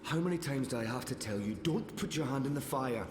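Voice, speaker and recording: A man's voice: medium pitch, animated, brisk, close to an everyday voice. An actor playing a loving, protective young father in a video game drama, earnest and coaxing. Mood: alarmed, stern. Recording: echoey room with clear background noise.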